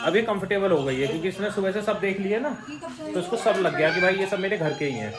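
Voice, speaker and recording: A man's voice: high-pitched, lively intonation, quick pace. A man narrating his family vlog casually on the move, giving running commentary to the camera. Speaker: family vlogger. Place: outdoors and around the home, on the move. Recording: noisy phone vlog audio.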